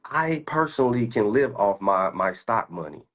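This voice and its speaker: A man's voice: fairly low pitch, lively intonation, normal speed, fairly bright tone. A man in his twenties from the United States, a stock trader giving a boastful, profane, confrontational rant while showing his screen. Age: 20s.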